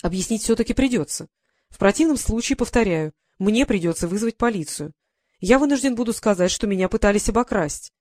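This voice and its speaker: An audiobook reader voices a stern aristocratic lord, cold, unbending and clipped, firing off question after question. The man's voice sits high, a little fast, darkish in tone with lively intonation. The recording is dry and close, with no echo or room sound.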